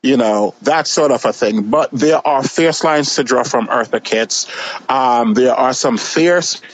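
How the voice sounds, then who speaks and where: A man's voice: mid-range voice, a little slow, rough recording. A man with a Jamaican accent in casual, opinionated discussion, speaking assertively and repeating phrases for emphasis.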